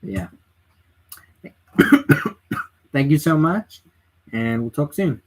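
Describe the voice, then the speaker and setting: A man's voice: on the high side, sing-song, slow pace. A man casually commenting on a livestream, exclaiming and swearing freely with frequent laughs. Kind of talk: casual live-stream commentary.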